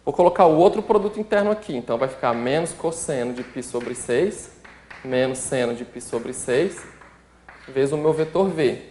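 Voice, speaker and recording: A man's voice: medium pitch, expressive, moderate pace, darkish tone, a little hiss or hum. A man with a Brazilian Portuguese accent who teaches a calculus lesson step by step, working through sums as he writes them out and checking in with the listener often. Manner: works through sums while writing them out. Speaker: math instructor. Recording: roomy echo.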